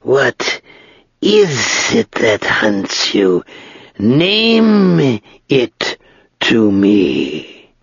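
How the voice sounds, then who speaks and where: A man voicing a huge, ancient male dragon that mocks and tempts with slow, drawn-out words. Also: medium pitch, huge pitch swings, gravelly, slightly rough, no echo, muffled recording, full character voice. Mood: taunting.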